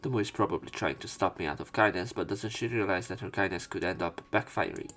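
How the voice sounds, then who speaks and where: This man talks fast in a low voice with a fairly bright tone. As a let's player, he reads a visual novel aloud dramatically and performs the dialogue expressively.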